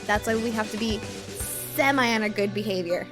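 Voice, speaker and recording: A woman's voice: mid-range voice, brisk, music in the background. A woman from Texas streaming a game on a headset mic, chatting and laughing often as she reads along. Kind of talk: live game stream commentary and reading.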